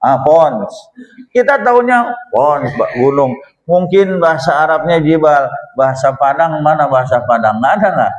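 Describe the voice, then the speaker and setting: A man's voice: fairly high pitch, normal speed, muffled recording. A man teaching a Quran study group, chatty and joking, often asking his listeners questions. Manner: chatty, asks the audience questions, jokes often. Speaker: religious teacher. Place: small prayer hall, live gathering.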